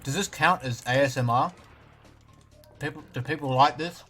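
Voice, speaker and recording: A man's voice: fairly high pitch, normal speed, bright, forceful tone, slightly rough, faint music behind. A young Australian man giving casual let's-play commentary, with dry, self-mocking jokes. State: talking with a mouth full of banana at times. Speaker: gaming YouTuber.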